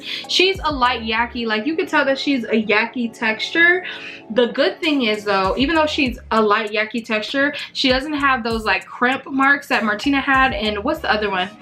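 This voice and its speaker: A woman's voice: a little high, animated, moderate pace, bright, forceful tone, faint music behind. A young woman talking casually and upbeat to camera as a beauty vlogger, chatting with little asides. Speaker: beauty vlogger reviewing wigs. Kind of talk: casual vlog talk to camera.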